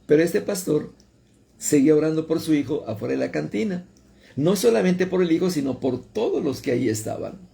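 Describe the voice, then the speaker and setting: A man's voice: on the high side, animated, fairly quick, gravelly, dark tone. A man preaching a radio sermon, telling a story and repeating phrases for emphasis. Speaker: pastor.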